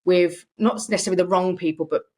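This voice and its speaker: A woman's voice: fairly low pitch, fairly even intonation, fast, dark tone. A young adult woman co-hosting a casual podcast chat, earnest and reflective, with frequent "you know" fillers. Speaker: podcast co-host.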